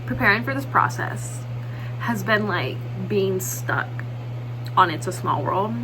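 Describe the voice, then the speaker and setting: A young woman vlogging in a casual, excitable way, chatting quickly and nervously with frequent laughs. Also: mid-range voice, vocal fry, noisy background. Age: young adult. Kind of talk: casual vlog chat.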